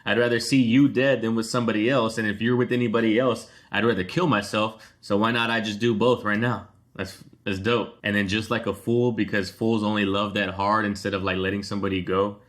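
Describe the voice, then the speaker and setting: A man's voice: lowish voice, little pitch movement, a little fast, hardly any pauses, fairly bright tone. A man casually breaking down song lyrics in a reaction video. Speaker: music reaction YouTuber.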